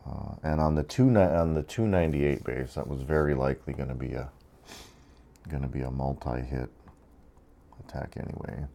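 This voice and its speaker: A man's voice: rumbling low, normal speed, creaky, mellow, slight background noise. A tired man giving laid-back, rambling commentary over a strategy game, with frequent fillers. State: tired after being awake 23 hours. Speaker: gameplay commentator.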